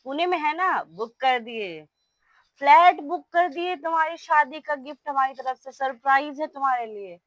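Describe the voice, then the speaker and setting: Middle-aged woman, high voice, melodramatic scolding mother in comic sketch. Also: lively intonation, moderate pace, fairly bright tone, no echo. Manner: dramatic, scolding, exaggerated. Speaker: comedy vlogger playing a mother-in-law.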